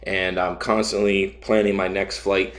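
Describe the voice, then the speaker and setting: A man narrating his own flight video as the pilot, casual and unscripted, in a halting, plain-spoken way. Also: sits low, little pitch movement.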